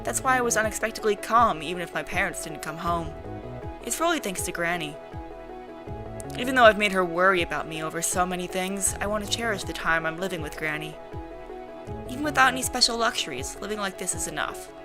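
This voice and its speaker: A woman's voice: fairly low pitch, animated, brisk. A woman reading first-person visual novel narration as an amateur voice-over. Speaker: narrator and reader. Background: music.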